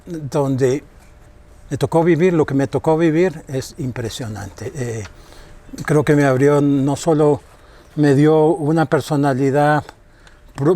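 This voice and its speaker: A man's voice: fairly high pitch, mellow. An older man from El Salvador, a guest in an interview, answering thoughtfully with many fillers. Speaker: guest, photographer and filmmaker.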